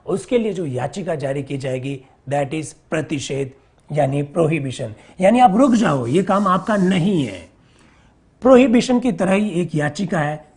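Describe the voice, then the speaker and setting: Male teacher, husky voice, exam-prep lecture, repeats key terms, asks and answers his own questions. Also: on the high side, a little mellow.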